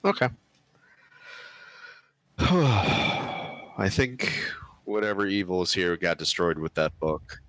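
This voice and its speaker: A man's voice: low voice, animated, slow, pauses often, fairly bright tone, dry recording. A man playing in a tabletop game, talking hesitantly and thinking aloud. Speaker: player. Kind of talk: casual tabletop game chat.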